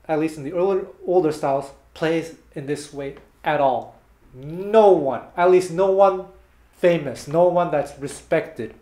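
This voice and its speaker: Seated with a guitar in a small, bare indoor room, a man with a high voice gives a casual video lesson, animatedly explaining with hand gestures between passages. A fixed camera a few meters off captures the sound with a roomy echo.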